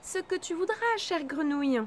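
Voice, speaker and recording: A spoiled young storybook princess, as a woman reading aloud puts her on. Her voice is pitched very high and leaps about as she exclaims and bargains. The faint hiss of a home recording stays in the background. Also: animated, normal speed. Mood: exclaiming. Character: spoiled young princess, tearful then eager.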